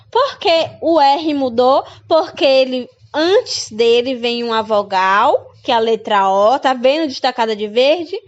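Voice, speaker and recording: A high-voiced woman, heard on dull audio, teaches children a phonics lesson. She patiently repeats example words, asks her pupils questions, and calls them dear.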